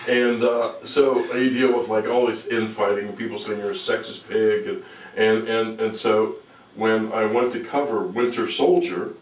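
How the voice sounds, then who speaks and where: An older man, an activist interview guest, telling casual anecdotes in halting, repetitive, slangy phrases. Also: fairly low pitch, fairly even intonation. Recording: echoey room, distant from microphone.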